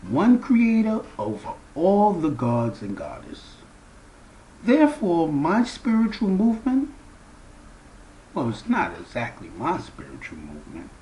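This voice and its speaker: Slow, animated man preaching to viewers. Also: poor audio. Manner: slow, emphatic preaching with big swings in pitch and loudness. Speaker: founder of a spiritual movement. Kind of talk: spiritual address to viewers.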